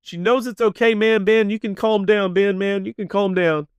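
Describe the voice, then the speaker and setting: Guy putting on a high-pitched emotional young truck driver dude, real emphatic, clean dry sound. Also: fairly even intonation, normal speed, clear, resonant tone, dry recording, dull audio, natural voice. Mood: awestruck, urging. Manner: emphatic, keeps saying "man". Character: excitable young man driving a truck, emotional.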